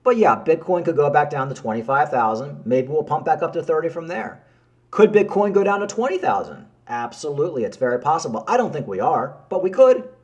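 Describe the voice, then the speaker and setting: A man delivers casual market commentary straight to his viewers in a voice that sits a little high. He is animated and repeats himself as he makes his points. He keeps calling his audience folks. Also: a little fast, dull audio. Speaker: crypto YouTuber.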